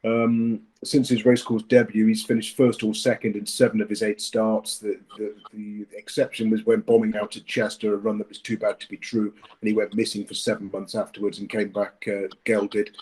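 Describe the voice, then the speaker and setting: A man's voice: lowish voice, flat delivery, moderate pace, hardly any pauses, darkish tone, rough recording. A man giving his horse racing tips in a casual chat, often hesitating with fillers and restarts. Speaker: racing tipster.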